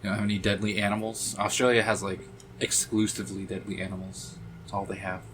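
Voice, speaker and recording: Lower-voiced guy playing a game on stream, swearing at stuff, loud game music underneath. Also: level tone, fast. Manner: swears freely, chats with viewers. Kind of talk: casual live-stream chat while playing.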